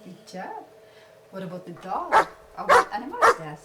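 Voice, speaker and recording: A woman asking a young child to name animals and make their sounds, in slow, patient questions with sing-song prompts. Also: mid-range voice, wildly swooping pitch. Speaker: parent teaching a child. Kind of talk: home video lesson for a child. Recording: echoey room, far from mic, loud noise.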